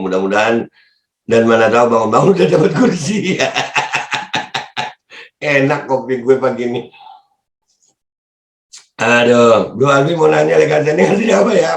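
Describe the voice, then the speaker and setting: Mocking man with jumpy pitch. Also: echoey room. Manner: mocking, laughs often, pitch jumps up sharply. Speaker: political commentary vlogger reading comments. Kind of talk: casual Jakarta-slang commentary.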